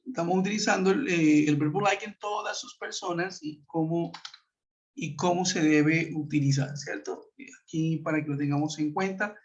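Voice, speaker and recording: A man teaching an online class, explaining patiently, checking in with his students and reading example sentences slowly. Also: on the high side. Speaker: English teacher. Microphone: computer mic on a web conference. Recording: muffled web-conference audio.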